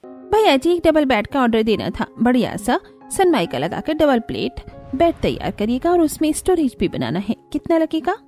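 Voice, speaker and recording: A woman's voice: sits high, sing-song, normal speed, darkish tone, faint music behind. A woman voicing a showy rich wife. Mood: confident. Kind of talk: cartoon voice acting.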